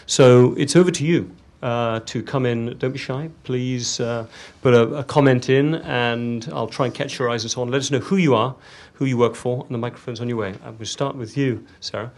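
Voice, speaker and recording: A man's voice: mid-range voice, steady tone, moderate pace, hardly any pauses, darkish tone. A man chairing a panel discussion, thinking aloud with fillers and inviting questions from the floor. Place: conference room.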